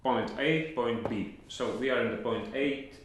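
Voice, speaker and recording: A man's voice: mid-range voice, a little hiss or hum. Hesitant man asking questions, echoey room. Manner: hesitant, halting, many fillers and restarts. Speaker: interviewer. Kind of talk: casual interview questions.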